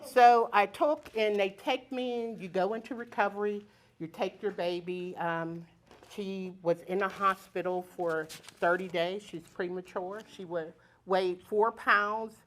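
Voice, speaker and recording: A woman telling a personal story at a live storytelling event, colloquial and lively, acting out the voices of the people in it. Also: medium pitch, unhurried.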